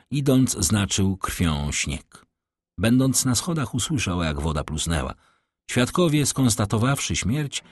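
Man reading an old novel aloud, deep and a bit husky, measured and dramatic, dry close sound. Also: dry recording. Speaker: audiobook narrator. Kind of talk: scripted narration of a classic novel.

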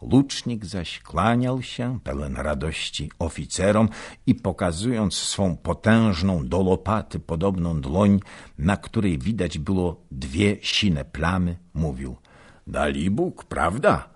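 A man narrating a classic novel as an audiobook, in a measured, expressive way. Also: sits low, slightly rough.

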